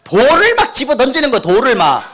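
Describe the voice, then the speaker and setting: A man's voice: very high-pitched, fast talker. A middle-aged man from Korea's North Gyeongsang region giving a humorous church testimony, acting out quotes and having the crowd repeat after him. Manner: animated, acts out quotes, leads crowd in repeating. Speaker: guest speaker giving testimony. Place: church hall with audience. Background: audience laughter.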